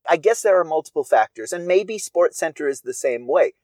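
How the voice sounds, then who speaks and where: Animated, musing male podcaster. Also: fairly high pitch, brisk, no echo. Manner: musing, digressive, wry asides. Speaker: writer podcaster. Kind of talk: casual solo podcast monologue.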